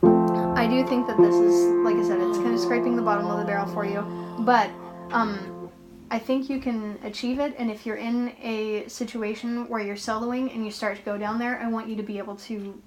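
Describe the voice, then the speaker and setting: A woman's voice: on the high side, flat delivery, moderate pace, music in the background. A woman voice teacher coaching a singing lesson in a patient, encouraging way.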